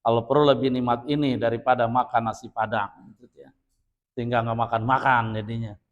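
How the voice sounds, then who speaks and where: A man with an Indonesian accent teaching Arabic grammar to a class, quizzing students and slowly repeating key terms. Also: medium pitch, flat delivery, muffled recording. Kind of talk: classroom lesson. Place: Islamic boarding school classroom.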